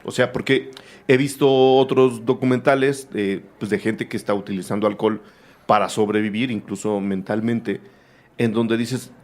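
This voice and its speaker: A man's voice: lowish voice, fairly even intonation, normal speed. A man hosting a film show, interviewing a director in a chatty way with rambling asides. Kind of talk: casual interview conversation.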